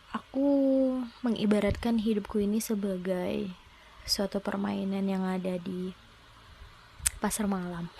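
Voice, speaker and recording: Soft-spoken young woman telling her story. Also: medium pitch, slight background noise. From South Sumatra, Indonesia. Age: 20s. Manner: soft, reflective, slightly hesitant. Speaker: vlogger. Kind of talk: personal storytelling monologue.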